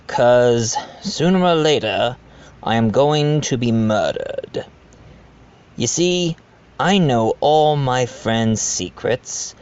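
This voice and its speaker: Guy acting genteel blackmailer who owns a manor, slow and confiding, dull lo-fi home recording, audio drama. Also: medium pitch, smooth. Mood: resigned, confiding. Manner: confiding, addresses the listener. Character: blackmailing manor owner, self-aware, genteel adoptive father. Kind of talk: amateur audio drama narration.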